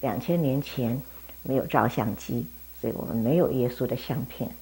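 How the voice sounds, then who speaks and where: A woman teaching Sunday school, telling a Bible story in a lively way and talking directly to the children. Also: rumbling low, normal speed.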